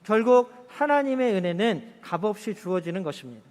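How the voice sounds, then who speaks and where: Guy pastor preaching in church, pretty high voice, rhetorical questions, hall reverb. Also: big pitch swings, brisk. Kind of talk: sermon. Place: church sanctuary.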